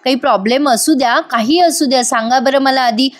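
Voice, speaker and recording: A caring young woman from a TV soap, soft and reassuring, voiced by a woman narrator. Her voice is fairly high and steady, and she sounds patient and kind. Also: fairly quick, lightly acted. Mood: worried. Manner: soothing, reassuring.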